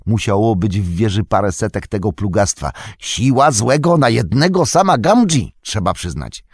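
A man's voice: deep voice, moderate pace, darkish tone, slightly rough, no room sound, studio quality, pitched above the performer's own voice. A man voicing a loyal, sturdy male hobbit servant who speaks in a hearty, folksy, deferential way.

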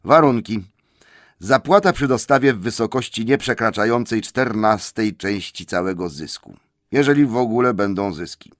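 A man's voice: fairly low pitch, expressive, normal speed, dry recording, clean studio sound, voice pushed up, lightly acted. A man voicing a formal, pompous letter from a company of dwarves in an audiobook, stiff and businesslike.

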